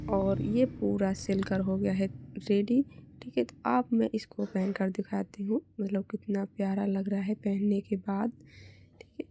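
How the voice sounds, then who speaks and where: A woman with a hoarse, sore throat, teaching a step-by-step sewing tutorial and repeating her stock phrases as she works. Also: mid-range voice, warm tone. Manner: repeats "is tarah se" and "theek hai" constantly; drops to a whisper at times.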